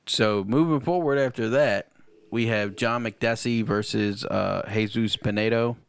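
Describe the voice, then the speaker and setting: A man's voice: on the low side, measured pace, vocal fry, clean tone. A man co-hosting a casual podcast, recapping fights in a laid-back, profane, joking way. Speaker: podcast co-host.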